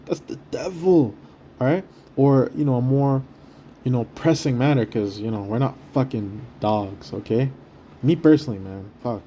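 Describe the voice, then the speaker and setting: A man with a deep, warm, very dark voice delivers a casual sermon quietly from a hotel room. He rambles, swears freely and stumbles over restarts as he goes. A faint background hum stays under him. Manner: rambling, profane, stammering restarts; deliberately speaking quietly. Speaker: street preacher. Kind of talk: casual preaching monologue.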